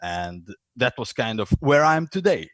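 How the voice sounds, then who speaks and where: A man's voice: medium pitch, sing-song, normal speed, no room sound. A man from Croatia with a Croatian accent, a guest in a podcast interview, talking with lots of fillers and restarts. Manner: hesitant, many fillers and restarts, acts out voices in stories. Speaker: podcast guest, lean and innovation consultant. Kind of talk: conversational interview.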